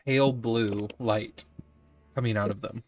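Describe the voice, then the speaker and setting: A man's voice: fairly low pitch, steady tone, measured pace, music in the background. A man narrating as game master of a tabletop game, describing scenes in a descriptive, easygoing way.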